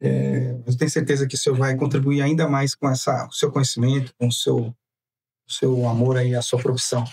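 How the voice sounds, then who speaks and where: A man's voice: mid-range voice, level tone, a little fast, vocal fry, darkish tone, slightly rough, recorded from a distance. A Brazilian man hosting a podcast, asking long, rambling questions. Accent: Brazilian Portuguese. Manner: rambling questions, frequent back-channel replies. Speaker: podcast host. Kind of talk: interviewing.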